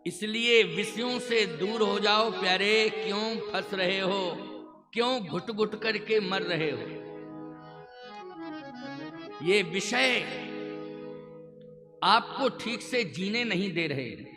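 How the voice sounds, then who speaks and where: A man's voice: high-pitched, slow pace, long pauses. A man preaching a sermon to a large gathering, emphatic and repetitive, questioning the crowd. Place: large outdoor religious gathering on stage. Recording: reverberant PA sound with faint music.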